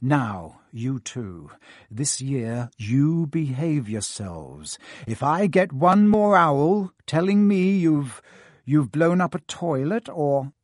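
A man's voice: a little high, expressive, slow pace, darkish tone, no echo, clean studio sound, pitched above the performer's own voice. A man doing a fussing, scolding mother. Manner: fond but scolding. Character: fussing middle-aged mother of many sons.

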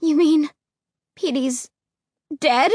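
A woman's voice: high voice, extremely slow, darkish tone, dry recording, studio quality. A woman reading aloud voices a frightened young girl, crying out in fear. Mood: terrified. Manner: frightened, pleading cries. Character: terrified young girl in a graveyard.

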